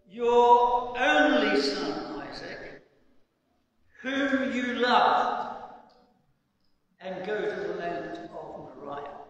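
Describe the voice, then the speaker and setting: A man preaching a sermon in a church, slow and emphatic with dramatic pauses. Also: sits high, a bit bright, a little hiss or hum. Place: church hall. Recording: echoey church hall, mic at a distance.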